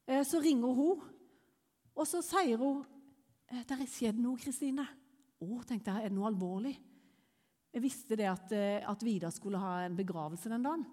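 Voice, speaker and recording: A woman with a Norwegian accent preaching a sermon that tells a personal testimony, with lively storytelling that rises when she gets excited. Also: a little high. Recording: long hall reverb.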